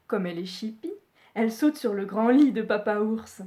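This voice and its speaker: A woman librarian reading a children's story aloud at home, expressive storytelling. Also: a little high, moderate pace.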